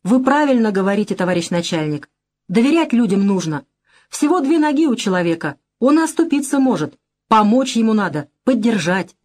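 A woman reading an audiobook voices a young male ex-thief who speaks bluntly, hard and deliberate. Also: mid-range voice, big pitch swings, darkish tone. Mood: earnest. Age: young adult.

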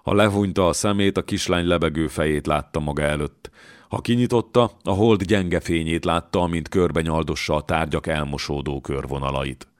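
A man reading a historical novel aloud as an audiobook narrator, measured and steady. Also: extremely low pitch, dry recording, studio quality. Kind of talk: scripted narration.

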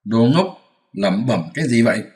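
A man voicing a sharp, mocking monkey-king disciple who teases and scolds, in a storybook reading. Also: mid-range voice, expressive, normal speed, lightly acted. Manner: scolding, teasing, commanding. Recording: roomy echoey room.

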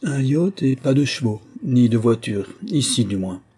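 A man reading an audiobook voices a calm aristocratic father who speaks tranquilly and teases gently. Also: medium pitch, measured pace, breathy edge, pitched above the performer's own voice. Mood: wry.

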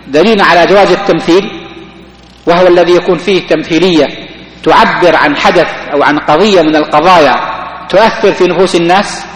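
Man teaching in a mosque, high voice, echoey hall recording, stops and restarts words. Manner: explains slowly, with many restarts and stammered syllables. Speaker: sheikh teaching a creed lesson. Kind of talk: mosque lesson commentary.

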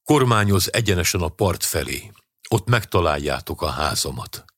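This is a strong older rescuer, voiced by a man reading an audiobook. The voice sits very low and husky, and he speaks calm, steady and plain. The recording is close and dry. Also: no echo, exaggerated voice.

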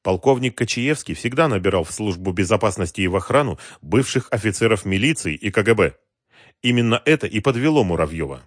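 Low-voiced male audiobook narrator. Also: lively intonation, no room sound, studio quality. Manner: measured storytelling. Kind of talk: scripted narration.

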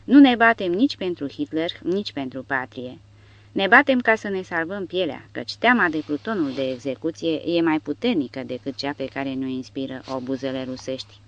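A woman narrating an audiobook in a dramatic, expressive reading style. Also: sits low. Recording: dull dry recording.

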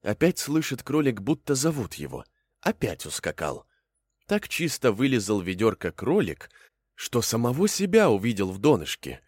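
A man reads a fairy tale aloud with lively, expressive storytelling. His pitch rises and falls widely from line to line. The sound is dry, with no room echo. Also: breathy edge. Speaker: narrator. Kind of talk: storybook reading.

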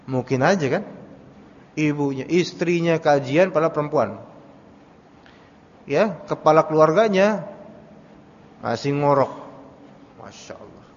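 High-voiced man teaching in an echoing hall. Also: animated, measured pace, long pauses. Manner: conversational, rhetorical questions to the audience. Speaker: Islamic teacher. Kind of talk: Quran commentary study lecture. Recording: reverberant hall, dull lo-fi.

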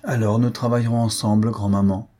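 A man reading an audiobook, voicing a proud young woman who speaks gently but firmly, close to his own voice. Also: fairly low pitch, level tone, a little fast, natural voice. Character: proud young woman, grieving, firm and dignified.

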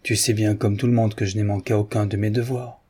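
A man's voice: lowish voice, flat delivery, fast talker, dark tone, breathy edge. A man voicing an indignant young widow. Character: indignant grieving young widow, mistress of an estate.

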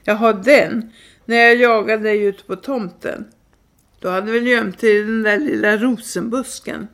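A woman's voice: mid-range voice, steady tone, lightly acted. A woman reading the lines of a dry, teasing older brother. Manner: dry, joking, sarcastic. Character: teasing grown man, the narrator's older brother.

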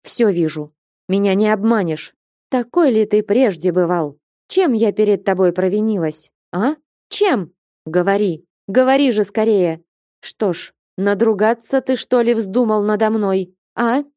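A woman voicing a proud, passionate young peasant woman in an audiobook, sharp and reproachful. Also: medium pitch, unhurried, no echo, clean studio sound, lightly acted. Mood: angry. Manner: tearful pleading turning to fierce scolding.

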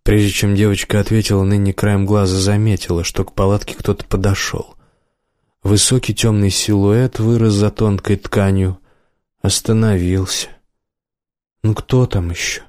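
A man narrating an audiobook in a measured storytelling manner on a close studio mic. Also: lowish voice, flat delivery, darkish tone, no room sound. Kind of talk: scripted narration.

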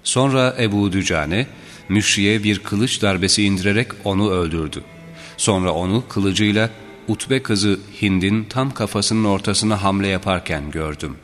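Deep-voiced man reading solemn religious history. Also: moderate pace. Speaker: narrator. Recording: reverberant with faint background music.

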